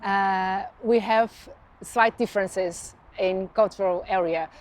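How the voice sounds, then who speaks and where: A woman's voice: medium pitch, steady tone, slow. A Portuguese woman with a Portuguese accent answering interview questions in English, hesitant with many restarts and frequent laughs. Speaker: interview guest, communications professional.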